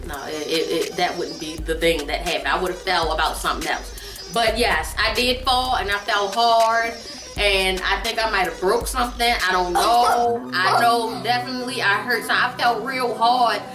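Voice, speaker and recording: An adult woman tells a casual, exaggerated comedic story about her family, repeating phrases for emphasis. Her voice is mid-range at normal speed. The recording sounds roomy with a distant mic and background music behind her.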